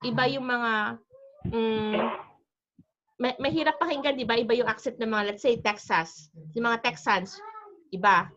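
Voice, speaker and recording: A woman's voice: on the high side, measured pace, pauses often, fairly bright tone, highs cut off. A Filipino woman teaching an IELTS class over a video call, chatty, switching between Tagalog and English and often checking in with "di ba?". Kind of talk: online class lecture.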